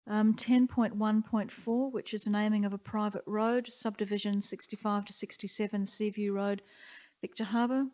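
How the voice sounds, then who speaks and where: A woman chairing a council meeting, running through motions and votes in a brisk, procedural way. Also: medium pitch, level tone, mellow. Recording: dull muffled council chamber audio.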